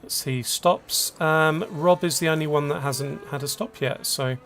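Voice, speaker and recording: A man's voice: a little high, unhurried, a bit bright, faint music behind. A man giving casual, chatty commentary on an online racing league, calling positions and penalties. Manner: chatty, laughs along, lists penalties. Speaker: race commentator.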